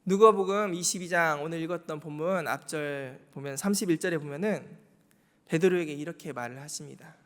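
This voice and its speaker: A man's voice: on the high side, brisk, a bit bright. A male pastor preaching a Wednesday sermon in a church, posing rhetorical questions and repeating key words for emphasis. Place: church sanctuary. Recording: reverberant church hall.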